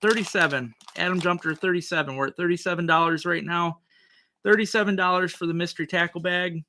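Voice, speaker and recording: A man's voice: sits high, steady tone, quick pace, sharp tone. A man hosting a casual livestream auction, repeating the current bid in a folksy auctioneer's manner.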